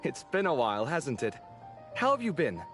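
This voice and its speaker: An actor playing a friendly, earnest young male architect in a video game, who talks easily and apologizes readily. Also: on the high side. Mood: concerned. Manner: warm, expressive and talkative, quick to apologize. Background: soft game music.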